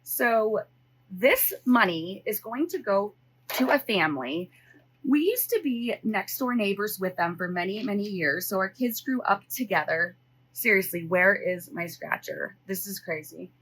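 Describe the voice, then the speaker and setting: Counting cash in her home office, this middle-aged American budgeting vlogger thinks aloud in casual, unscripted chat with her viewers. She speaks at medium pitch, animated but a little slow, slightly bright and a touch rough, on a low-quality recording.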